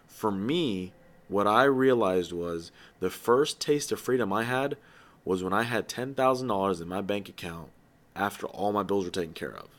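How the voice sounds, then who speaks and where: A man giving an earnest, persuasive orientation talk to new recruits, with rhetorical questions and light jokes. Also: on the low side. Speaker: company founder addressing new recruits.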